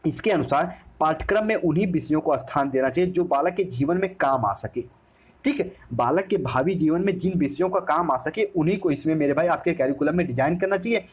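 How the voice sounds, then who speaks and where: A man's voice: fairly high pitch, fairly quick, slight background noise. A man teaching an exam-prep lecture, explaining each point by restating it and calling his listeners "my brother".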